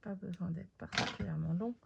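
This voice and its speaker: A woman chatting casually while showing her craft project, thinking aloud with lots of fillers and pauses, sometimes dropping to a soft whisper. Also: fairly low pitch, gravelly, lo-fi sound, very noisy. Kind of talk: casual craft video commentary.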